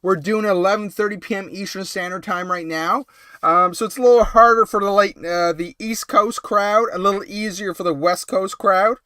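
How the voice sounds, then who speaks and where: A high-pitched man with a cold hosts a casual late-night live stream, his voice bright, forceful and smooth with fairly even intonation at a moderate pace. He rambles and chats with lots of ums and little laughs. The recording is dry and of studio quality.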